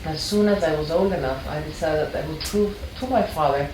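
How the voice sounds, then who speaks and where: Recorded from a distance in an echoey space with background noise, a low-voiced older woman tells her personal story, speaking fairly quickly. She's from Ecuador, taught art history for a long time, and reflects earnestly, frequently starting over.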